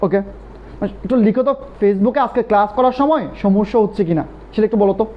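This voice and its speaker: A young man teaching a live online grammar class, with a fairly high voice that swings up and down as he drills each point. He repeats himself again and again and keeps prompting his students. The stream audio is dull and lo-fi. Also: fast, a little hiss or hum. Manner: animated, repetitive drilling, calls students brother.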